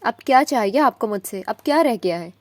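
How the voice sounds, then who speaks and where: A woman voicing a young wife who accuses her husband through tears, loud and upset. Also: fairly high pitch, expressive, background noise, close to an everyday voice. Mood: tearful anger. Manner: tearful and shouting.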